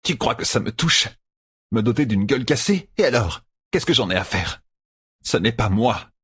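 A man voicing a hateful, scheming female sorceress who snarls insults in a raised, husky voice. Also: medium pitch, animated, moderate pace, a bit bright, pitched above the performer's own voice. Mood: scornful.

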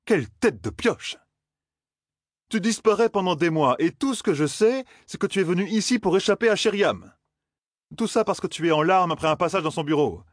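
A man's voice: a little high, a bit bright, no echo, studio quality, pitched above the performer's own voice. A man voicing an impetuous young nobleman and protective brother who talks in an exasperated, pushy way. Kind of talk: audiobook character voice.

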